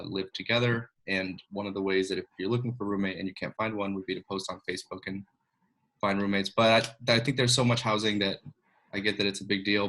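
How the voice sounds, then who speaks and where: A young man in his twenties from Illinois, a law student giving relaxed, conversational interview answers. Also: low-pitched, rough recording. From Illinois, USA.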